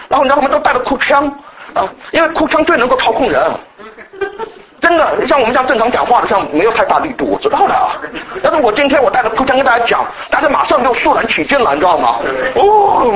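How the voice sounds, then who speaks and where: A middle-aged man from mainland China preaching a sermon, animated and mimicking scolding elders. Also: extremely high pitch, highs cut off. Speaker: pastor.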